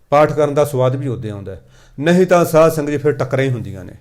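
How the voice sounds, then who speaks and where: A man giving a Sikh katha sermon, chanting scripture lines slowly and then explaining them in a conversational, way. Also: on the high side, darkish tone.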